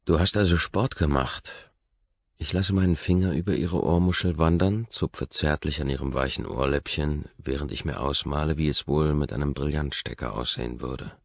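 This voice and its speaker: Very deep gravelly male narrator. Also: fairly even intonation, normal speed, few pauses, no echo, dull audio. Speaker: audiobook narrator. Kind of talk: first-person audiobook narration.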